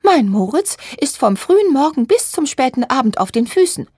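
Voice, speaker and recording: A moaning seamstress in a storybook, voiced by a woman reader. She talks high and plaintive, always feeling put upon. The sound is dry and close. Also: very animated, moderate pace, dark tone, no echo. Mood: whining. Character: shrill complaining woman seamstress, doting mother. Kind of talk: audiobook reading.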